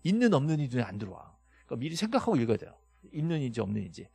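Male instructor, animated pitch and dark tone, drills students with rapid questions, dry close sound. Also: gravelly, husky, dry recording. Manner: lively, emphatic, quizzes students with quick questions and answers. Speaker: real estate law instructor. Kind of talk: classroom lecture.

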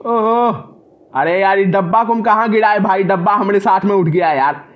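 A man's voice: sits high, normal speed, dull audio. A man doing comic horror gameplay commentary, yelping and repeating words in panic and talking back to the game characters. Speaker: gaming commentator.

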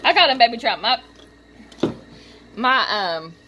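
A young woman vlogging from her room, gushing with excitement, giggling, squealing and filling her talk with "like" and "um". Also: fairly high pitch, a little slow, slight background noise. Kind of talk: excited unboxing vlog. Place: home room.

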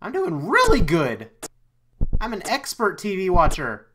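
A man giving let's-play commentary on a horror game, easily startled, swearing often, and talking himself into calming down. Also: sits high, unhurried, a little hiss or hum, rough recording. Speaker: YouTube let's player.

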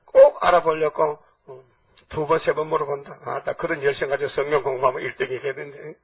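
An older man preaching, his voice husky and a bit breathy. He talks emphatically and keeps tossing short rhetorical questions at the congregation. He sounds a little far from the microphone. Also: on the high side, level tone, brisk. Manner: emphatic, peppers talk with rhetorical checks to the congregation. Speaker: pastor. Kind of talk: sermon. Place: church sanctuary. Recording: voice from far off the mic.

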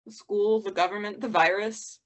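A woman's voice: medium pitch, steady tone, normal speed, lightly acted. A young woman acting a chatty teenage theatre student in a stage monologue over a video call, rambling and talking to herself. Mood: exasperated. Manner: rambling, self-correcting, talks to herself. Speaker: lead actor in a monologue.

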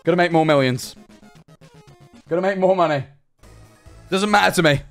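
A young adult man sits at his desk in a small bedroom streaming room, reading viewer messages aloud on a livestream. Through a headset-style studio mic, his fairly high voice comes at normal speed, animated, sarcastic, and swearing often, over soft background music.

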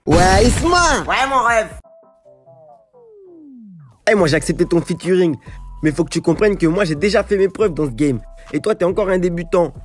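Scheming young hustler, as a man plays him, boastful, wheedling, slightly high voice. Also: fast, darkish tone, faint music behind, natural voice. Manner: boastful, wheedling street slang. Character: scheming streetwise young man called the rat. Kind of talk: comedy sketch acting.

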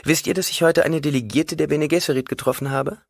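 A man voicing a polite, deferential young woman envoy in an audiobook, speaking softly in a raised voice. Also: a little high, steady tone, a little fast, gravelly, no echo, studio quality, voice pushed up.

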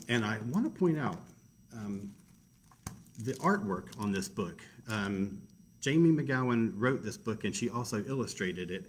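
A man with a lowish voice reads a picture book aloud to children at a library storytime, keeping it casual and chatty with self-deprecating asides. There's slight background noise.

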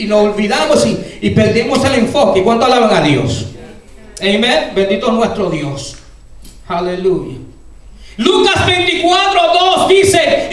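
An older pastor with a very high-pitched voice delivers a fervent sermon at a lectern, gesturing broadly, often shouting, and peppering his words with hallelujahs. He uses a handheld mic in a medium-sized indoor church sanctuary, captured by a far-off camera in a very echoey hall.

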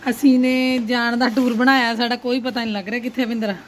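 Over a noisy, vehicle-like rumble, a middle-aged vlogger talks casually to her family vlog in a flat, quick voice. Her manner is that of a dramatic aunty, full of exclamations and grumbles.

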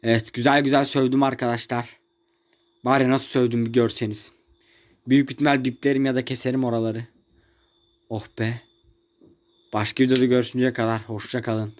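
A young man at home commentating his mobile football match, ranting in exasperation and swinging between shouts and mutters. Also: medium pitch, level tone, brisk, long pauses. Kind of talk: live gameplay commentary. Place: room at home.

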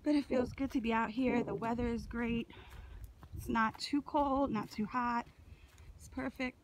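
A woman's voice: on the high side, steady tone, a little slow, a little hiss or hum. Chatty woman vlogging on a trail. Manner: chatty and upbeat, talking straight to viewers. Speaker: vlogger and mother. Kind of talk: casual vlog narration. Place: outdoors on a wooded park trail. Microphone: phone held while walking.

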